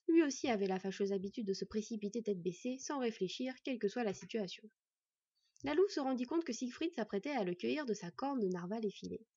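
A woman calmly narrating a fantasy audiobook. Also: medium pitch, husky, no room sound, highs cut off.

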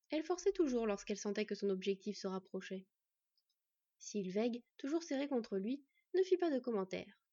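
A woman reading a fantasy story aloud in an even storytelling manner. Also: fairly high pitch, husky, no room sound. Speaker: audiobook narrator. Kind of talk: scripted narration. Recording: dry, slightly dull.

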